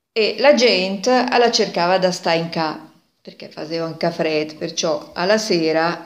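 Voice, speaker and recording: A woman in her sixties with a Milanese accent, telling a story informally in dialect and acting out bits of dialogue. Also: fairly low pitch. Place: small kitchen indoors. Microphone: phone at arm's length. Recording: echoey domestic room.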